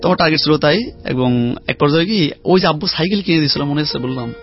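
A man telling a lively story about his life as a guest in a casual chat. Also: on the high side, quick pace. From Khulna region, Bangladesh. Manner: lively anecdotal storyteller, chatty. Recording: dull lo-fi sound with faint music.

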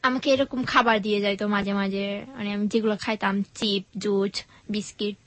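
A nineteen-year-old woman tells her story as a guest on an interview show. She speaks softly and hesitantly, at an average pitch for a woman. The sound is dry and close. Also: fairly even intonation, brisk, no room sound. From Bangladesh.

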